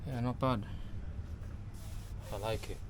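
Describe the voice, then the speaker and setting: Taking it slowly in a medium-pitched voice with fairly even intonation, a man from London chats informally to his viewers, whom he calls guys, as he vlogs a walk through an outdoor bazaar and its shops. Busy street and crowd noise surrounds him.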